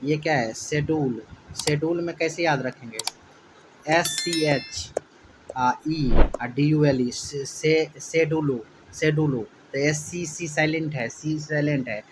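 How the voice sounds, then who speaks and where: A man teaching a spelling lesson for exam students, spelling words out letter by letter and repeating each syllable slowly. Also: fairly high pitch, background noise.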